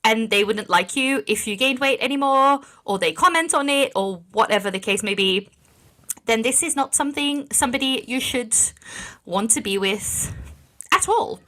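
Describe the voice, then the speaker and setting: Bright-voiced chatty woman. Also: a little high, lively intonation, moderate pace. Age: 30s. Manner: chatty and earnest, laughs often. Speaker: podcast co-host. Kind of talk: casual podcast chat.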